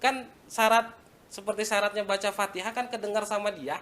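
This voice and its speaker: A man's voice: high voice, fairly even intonation, brisk, a bit bright. A man with a Sundanese accent giving a casual religious lesson, talking conversationally and reciting Arabic phrases. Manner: conversational, mixing in local words and Arabic recitation. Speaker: Islamic religious teacher.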